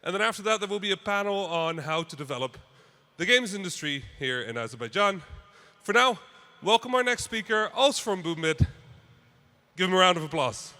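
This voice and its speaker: A man's voice: sits high, animated, a little fast, bright, forceful tone. A man hosting a conference stage and announcing talks, with long hall reverb on his voice. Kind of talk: event announcing.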